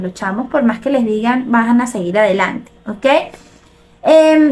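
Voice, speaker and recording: A middle-aged Venezuelan woman with a Venezuelan accent and a high-pitched voice hosts a live show. She reads viewers' comments aloud and reacts to them animatedly.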